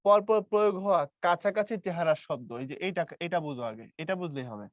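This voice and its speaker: Lively, teasing teacher. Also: male voice, high voice, fast, no room sound, muffled recording. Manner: lively, teasing, quizzes students. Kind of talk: classroom grammar lesson.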